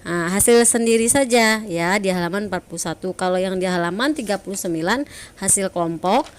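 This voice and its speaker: Gentle coaxing woman teacher. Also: medium pitch, a little fast, smooth. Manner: gentle, coaxing, adds "ya" to sentences. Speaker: primary school teacher. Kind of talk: online class lesson.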